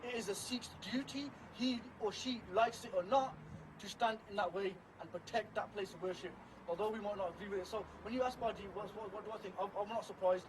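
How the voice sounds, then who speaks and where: A man's voice: high voice, steady tone, brisk. A young man giving impassioned, off-the-cuff interview answers, emphatic and repetitive, with tag questions and Punjabi phrases mixed into his English. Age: young adult. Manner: emphatic, repeats phrases, frequent tag questions like "right" and "yeah". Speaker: Sikh community member being interviewed. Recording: noisy outdoor recording with traffic.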